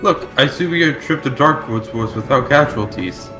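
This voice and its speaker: Guy swearing his way thru a game with buddies, mid voice, super lively, game music behind. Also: medium pitch, moderate pace. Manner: blunt, swears freely, dramatic reactions. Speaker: player in the game session. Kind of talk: casual gaming chat with friends.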